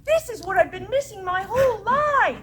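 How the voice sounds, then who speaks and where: A woman voicing a transformed witch, now a gentle grateful woman, with a soft British accent and an effusive, tearful manner. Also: very high voice, expressive, moderate pace, a little hiss or hum, pitched above the performer's own voice, low-quality recording. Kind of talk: storytelling to a camp audience.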